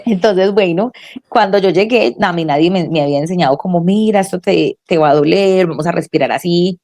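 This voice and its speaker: A woman with a lowish voice speaks briskly as an interview guest. An adult mother, she tells a personal story in conversation, lively and acting out the voices of the people she quotes.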